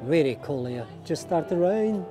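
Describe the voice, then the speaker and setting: Speaking at a normal speed in a voice on the high side, this middle-aged man guides a walking tour with lively intonation and lots of enthusiasm. He keeps exclaiming and repeating himself as a vlogger at a crowded outdoor street market, with music and people chattering behind him.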